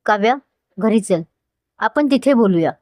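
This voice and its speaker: A woman's voice: medium pitch, lively intonation, measured pace, darkish tone, no echo, lightly acted. A woman voicing a possessive, hot-tempered young man with a commanding, intense manner, in a dry close recording. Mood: angry.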